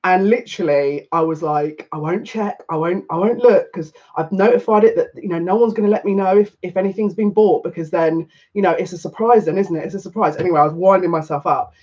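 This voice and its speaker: A man in his thirties, a psychic reader chatting casually on a live stream, excitable and rambling. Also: high voice, a little fast, hardly any pauses. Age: 30s. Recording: dull lo-fi stream audio.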